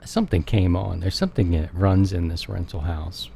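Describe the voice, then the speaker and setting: A man's voice: sits low, normal speed, gravelly, dark tone, slight background noise. A man hosting a show, chatting casually and informally. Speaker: show host. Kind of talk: casual chat.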